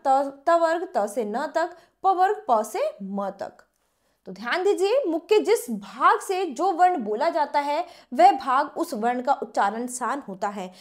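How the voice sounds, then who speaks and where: A woman teacher giving a grammar lesson, reading definitions and then explaining them informally, slowing down to spell out letters and examples. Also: high-pitched.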